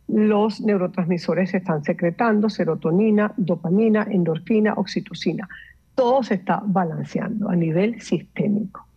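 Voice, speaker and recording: A woman, a meditation coach explaining calmly and instructively, mixing in English words. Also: mid-range voice, normal speed, husky, lo-fi sound. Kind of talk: explanatory interview talk.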